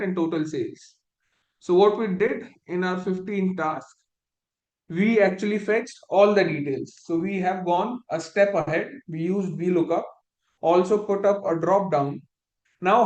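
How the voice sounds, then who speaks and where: In a live online class, a man with a fairly high voice patiently guides learners step by step through a spreadsheet task. He is methodical and often corrects himself or restarts phrases mid-sentence. His computer mic captures a noticeably echoey room.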